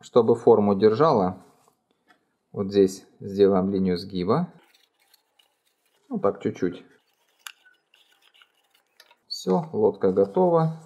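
Calm low-voiced man teaching origami. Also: slow, pauses often, dull audio. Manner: calm, plain, explaining each fold. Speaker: origami instructor. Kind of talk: step-by-step craft tutorial. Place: indoors at a wooden table. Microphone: overhead camera framing hands only.

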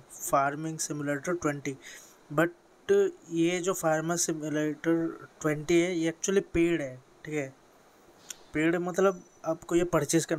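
A teenage boy from India talks through a mobile game tutorial in a casual, rambling way, full of fillers and self-corrections. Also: on the high side. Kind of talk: casual screen-recorded tutorial. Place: bedroom with a fan running.

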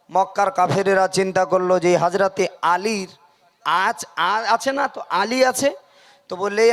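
Over a PA microphone at a religious gathering, a man delivers a Bengali waz sermon, chanting drawn-out devotional verses before preaching in quick bursts and calling on the crowd to answer aloud. His voice sits high and fairly bright, with some vocal fry.

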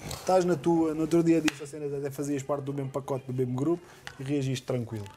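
A man's voice: fairly high pitch, little pitch movement, quick pace, crowd noise. A man, a reality show contestant in a heated casual chat, who insists and repeats himself.

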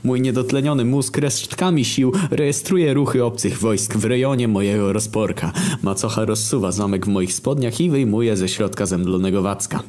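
A man's voice: fairly low pitch, moderate pace, hardly any pauses, darkish tone. A man reading a comic story aloud, with sardonic asides and exaggerated turns.

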